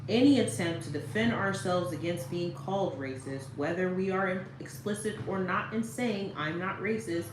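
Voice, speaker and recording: A woman's voice: on the low side, moderate pace, few pauses. A woman giving casual commentary straight to the viewer and reading quotes aloud, often checking in with her listener. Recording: roomy echo with faint noise.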